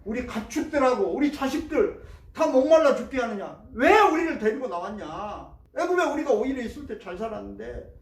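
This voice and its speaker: A male pastor with a very high, expressive voice preaches briskly in a church sanctuary, asking the congregation questions and acting out prayers and complaints. The distant mic gives a roomy church sound.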